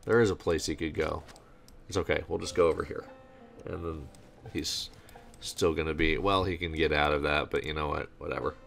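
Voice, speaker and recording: A man casually commenting on his strategy game as he plays, rambling and thinking out loud with sarcastic asides, on a desk mic without a pop filter. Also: a bass voice, steady tone, normal speed, creaky, faint music behind. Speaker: gameplay commentator. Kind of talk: casual let's-play commentary.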